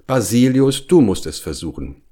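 A man playing a fussy collar bear for a storybook, high and lively. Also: moderate pace, slightly rough. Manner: grumbling, fussy about his collar. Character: vain, lazy male collar bear, eager for honey. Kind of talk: storybook reading for children.

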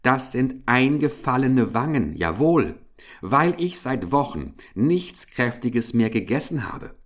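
A man's voice: medium pitch, sing-song, slow, pitched above the performer's own voice. A man doing a stingy, grumbling fat hamster. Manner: grumbling, blustering, self-pitying.

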